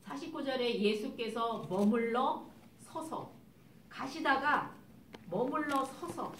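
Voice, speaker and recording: A woman's voice: high-pitched, animated, takes it slowly, slight background noise. A woman missionary preaching a sermon, emphatic and full of rhetorical questions to the congregation, recorded in an echoey church from a distance. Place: church sanctuary.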